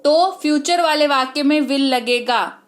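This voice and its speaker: A woman with a high voice and an Indian accent teaches an online English lesson. She talks briskly, drills terms one after another and keeps checking that her students follow. Hindi is her first language.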